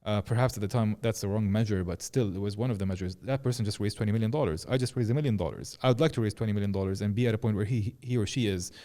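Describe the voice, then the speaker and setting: A man's voice: on the low side, racing, few pauses, warm tone. A man in his thirties from Jordan, hosting a podcast in a loose, rambling way and leaning on "like" as he talks. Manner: rambling, restarts sentences, says "like" often. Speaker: podcast host. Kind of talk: casual conversation.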